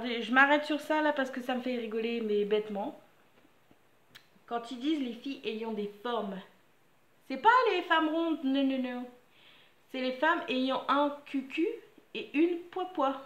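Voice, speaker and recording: A woman's voice: high voice, echoey room. A woman casually reviewing books in a frank, joking way, reading out summaries and adding her own comments. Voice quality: chatty, frank and joking, reads blurbs then comments. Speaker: book vlogger. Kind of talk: casual book review chat.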